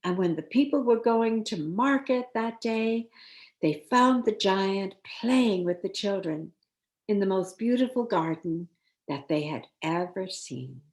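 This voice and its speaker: A woman storyteller reads a children's tale expressively and animatedly, using deliberate dramatic pauses. Her voice is medium in pitch.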